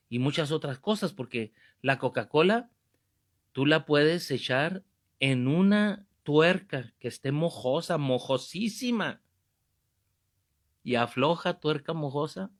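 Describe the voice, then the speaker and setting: Animated preacher, fairly high voice. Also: male voice, unhurried. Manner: animated, joking, rebuking. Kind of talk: sermon with comic storytelling.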